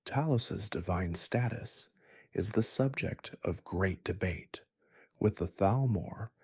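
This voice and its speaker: A man narrating a bedtime story in a soft, gentle, soothing, breathy spa-like whisper, slow and unhurried. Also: deep voice, no room sound, studio quality. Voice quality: breathy, husky, partly whispered.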